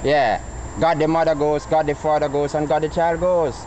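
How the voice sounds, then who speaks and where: A man's voice: a little high, little pitch movement, normal speed, darkish tone. A man with a Jamaican accent philosophizing informally, teaching by quizzing his listeners with rhetorical questions. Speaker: Rastafarian farmer. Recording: noisy outdoor recording with traffic.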